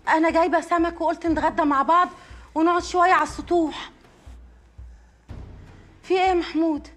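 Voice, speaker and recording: A woman's voice: extremely high pitch, fairly even intonation, brisk, fairly bright tone. An actress playing a worried wife and mother who demands to know what is happening, in Egyptian Arabic. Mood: alarmed. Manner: alarmed, demanding answers. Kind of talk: film drama acting.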